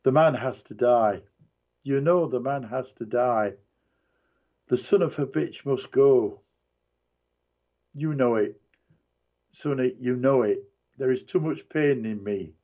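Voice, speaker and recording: A man voicing a drugged, despairing man who talks softly in a thick, slurred, tired monotone. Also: mid-range voice, takes it slowly, pauses often, dull audio. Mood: quiet insistent.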